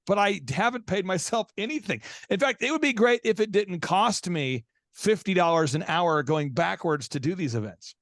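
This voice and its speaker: Brief: lively male guest storyteller, high voice, acts out quotes, dry studio sound. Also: moderate pace, no echo. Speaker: guest speaker and event organizer. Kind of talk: casual podcast conversation.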